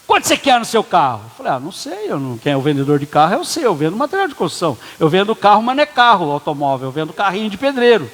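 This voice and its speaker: Pastor with a high voice in a reverberant church. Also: male voice, huge pitch swings, very fast, few pauses, fairly bright tone. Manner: casual storytelling with quoted dialogue. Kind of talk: sermon storytelling. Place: church hall.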